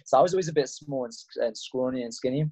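A young Russian man with an English accent, an MMA fighter appearing as a guest, tells his story in a casual interview. He talks quickly at medium pitch with a dark tone, rambling and laid-back, with lots of fillers and restarts, in a dry recording.

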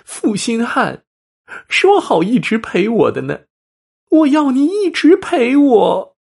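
A man voicing a vengeful young female ghost who haunts a puppet, sweet on the surface and shrill and accusing underneath. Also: sing-song, takes it slowly, gravelly, a little mellow, husky, heavily acted.

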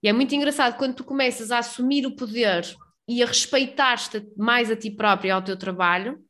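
A woman's voice: on the high side, brisk, fairly bright tone. A woman talks in casual conversation. She is talkative and informal, leaning on slang and emphasis as she makes her points. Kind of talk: casual chat.

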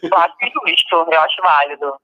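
A woman's voice: sits low, fairly even intonation, fairly quick, a crowd in the background. A woman calling in on speakerphone, chatting playfully and teasing the hosts. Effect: on speakerphone through a phone. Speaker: caller on a live podcast. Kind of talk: casual chat. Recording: dull lo-fi phone line.

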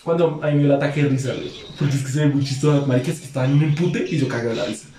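A man's voice: mid-range voice, very fast, mellow, echoey room. A young man telling a long story among friends, slangy and profane, acting out both sides of a quarrel. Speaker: podcast guest.

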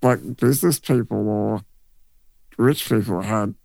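A young Australian man in casual podcast chat, easygoing and halting, restarting his sentences often. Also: on the low side, creaky, a little mellow, no echo. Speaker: podcast co-host.

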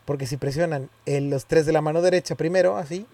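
A man's voice: fairly high pitch, fast talker, dark tone, no echo. A man giving a casual spoken tutorial, hesitant and often correcting himself as he demonstrates. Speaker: tutorial presenter.

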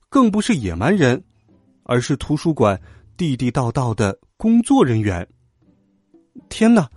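Lively husky man reading a children's story. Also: on the high side, no echo. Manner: lively, dramatic first-person telling. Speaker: narrator.

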